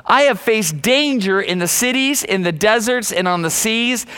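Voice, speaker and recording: A man's voice: high voice, animated, moderate pace, sharp tone, clean tone. A middle-aged male pastor preaching a sermon in a conversational way, asking the congregation questions and often repeating words as he restarts.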